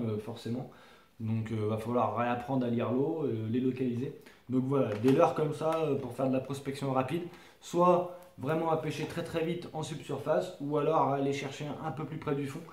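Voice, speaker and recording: A man from France talks casually to his viewers about fishing gear in an echoey room. He hesitates often, restarts his sentences and fills the gaps with little fillers. His voice sits at an ordinary middle pitch. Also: a little mellow, slight background noise. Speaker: fishing vlogger presenting lures. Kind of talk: casual talk to camera.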